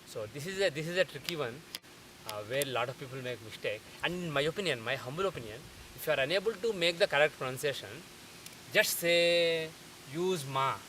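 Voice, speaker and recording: A man's voice: on the high side, animated, sharp tone, a little hiss or hum, rough recording. Methodical man teaching pronunciation. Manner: careful, methodical, slows to sound out words. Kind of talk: explanatory lesson.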